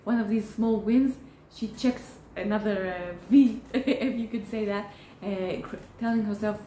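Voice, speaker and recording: Here a therapist, a woman whose native language is Hebrew, talks to the camera offering advice at medium pitch. Her manner is mellow, earnest, and encouraging, though halting, with many restarts, in an echoey room with slight background noise.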